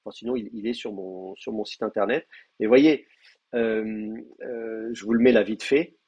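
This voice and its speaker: Hesitant male teacher, husky voice. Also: fairly low pitch, fairly even intonation, moderate pace, a little mellow. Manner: hesitant, many fillers and restarts. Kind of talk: online lecture.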